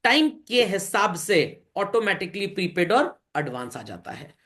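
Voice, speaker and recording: A man with a high, very animated voice teaches accounts to a class at an unhurried pace, his tone a bit bright. He asks questions and answers them himself, mixing Hindi and English and calling his listeners bhai and children.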